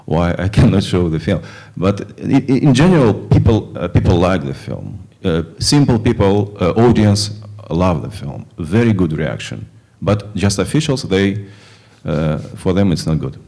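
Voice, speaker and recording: Low, mellow-voiced halting man. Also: big pitch swings, vocal fry. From Kazakhstan. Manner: halting non-native English, many fillers and restarts. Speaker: film director. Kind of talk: festival Q&A answers. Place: film festival stage before an audience.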